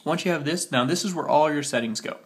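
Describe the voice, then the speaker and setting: A man who is sick and sounds slightly muffled, giving a casual step-by-step phone tutorial as he works through it and spells things out. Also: fairly high pitch. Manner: talking while working on a phone, spelling things out slowly. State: sick with a cold. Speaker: tutorial host.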